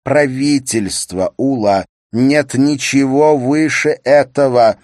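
Give me a slick, ambitious police chief, as a man reads him in an audiobook, pushing his case loudly and firmly. He sounds sure of himself and persuasive, pitched above the reader's plain voice, with a dry, close sound. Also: slow, no echo, close to an everyday voice. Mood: insistent. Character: ambitious middle-aged male police chief, smooth-talking.

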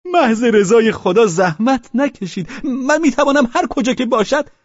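A man's voice: animated, dry recording, highs cut off. A man voicing a drunk, fawning, frightened middle-aged man who whines and pleads. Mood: pleading. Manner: shrill, whining, pleading.

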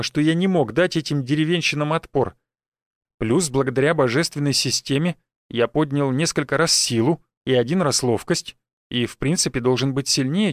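A man reading a first-person novel aloud in a steady, even storytelling manner. His voice sits somewhat high for a man and is recorded dry and close, with no room sound. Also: no echo. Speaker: audiobook narrator. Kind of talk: scripted first-person narration.

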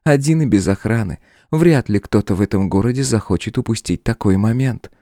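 A man voicing a calm, defiant demoness in an audiobook, speaking in a raised, unbothered tone with a smile. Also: fairly low pitch, a little fast, no room sound, clean studio sound, voice pushed up, close to an everyday voice. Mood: cool mocking. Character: cool mocking demoness woman, calm and defiant.

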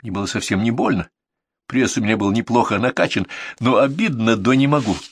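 A man narrating a first-person story in a lively, dramatic reading style. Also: mid-range voice, brisk, breathy edge, dry recording.

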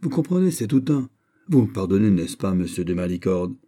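A man reading an audiobook voices a lively young count of the royal court, bantering and exclamatory. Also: low-pitched, a little fast.

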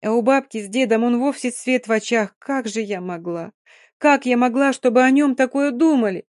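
A woman reading an audiobook, voicing a young Roma woman who is hoarse from crying, guilt-ridden and speaking in broken, halting bursts. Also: on the low side, no room sound, studio quality, natural voice. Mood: anguished. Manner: broken, halting, rising in anguish.

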